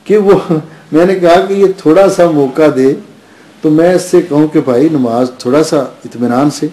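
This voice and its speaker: Male preacher, lively storyteller with frequent chuckles; warm dark tone in a reverberant room. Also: fairly high pitch. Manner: lively anecdotal telling, chuckles often. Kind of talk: storytelling sermon. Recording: roomy echoing lecture space.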